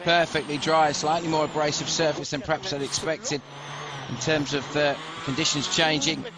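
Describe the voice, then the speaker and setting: Higher-voiced man commentating over roaring rally car. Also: little pitch movement, brisk. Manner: admiring, explanatory. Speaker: motorsport commentator. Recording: very loud engine noise behind voice. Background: roaring rally car onboard sound.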